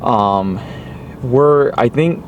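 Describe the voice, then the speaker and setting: A man's voice: mid-range voice, animated, extremely slow, dull audio, a little hiss or hum. A man giving a casual hunting vlog update to camera, recorded outdoors. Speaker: hunting vlogger. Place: outdoors at a rural hunting spot.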